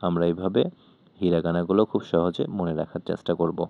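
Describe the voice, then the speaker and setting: A man's voice: low-pitched, flat delivery, fairly quick, vocal fry, narrow, tinny audio. A man teaching Japanese letters, patiently explaining step by step as he writes them out. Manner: patient, demonstrating while writing.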